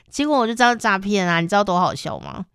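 Animated woman podcast host. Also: mid-range voice, fairly quick, gravelly, smooth, dry recording, studio quality. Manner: animated storytelling with frequent laughter. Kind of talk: casual chat.

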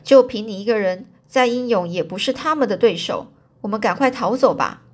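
An anxious, tearful young woman who frets and pleads, as a female storyteller puts her on. Her voice rises a little higher with worry. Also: lively intonation, a little fast, natural voice. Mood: worried. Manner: worried, pleading.

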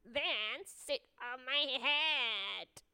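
A woman's voice: high-pitched, bright, forceful tone, clean tone, full character voice. Woman playing a sly coaxing fox. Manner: slow, coaxing. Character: sly smooth-talking male fox.

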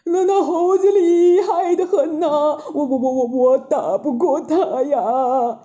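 A woman voicing a blustering giant male heavenly general with a loud, threatening manner, in a storybook reading. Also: high-pitched, slow, echoey room, lo-fi sound, voice pushed up. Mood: stammering.

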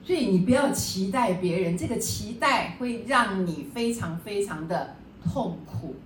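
Heard from afar in an echoey room, slightly off-mic with faint hiss or hum, a woman teaches a book study class. Her mid-range voice is expressive and unhurried as she lectures chattily, often posing rhetorical questions to the class.

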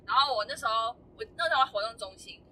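A young woman hosts a relaxed chat among friends, telling a story in a bright, quick voice that keeps stammering. She is close to tears at times. She sits a little back from the mic, with a faint hiss behind her. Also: fairly high pitch, distant mic, rough recording. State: crying at times. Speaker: podcast host.

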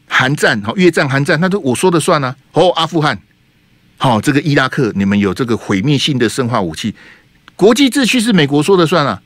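It's a radio studio talk show led by a middle-aged man, whose voice runs a little high over a dry recording. Animated and rhetorical, he comments on politics and keeps ending sentences with 哈 and 啊.

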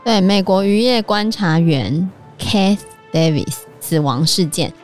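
A woman with a fairly low voice and a Taiwanese Mandarin accent lays out real cases on a casual podcast. Light music plays under her. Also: takes it slowly, darkish tone. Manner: explanatory, recounting case facts. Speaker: podcast co-host. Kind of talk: casual book-club chat.

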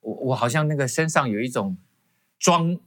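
A man's voice: mid-range voice, lively intonation, normal speed, fairly bright tone. A man giving a personal testimony as a guest in an interview, telling it animatedly with frequent restarts. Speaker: guest professor.

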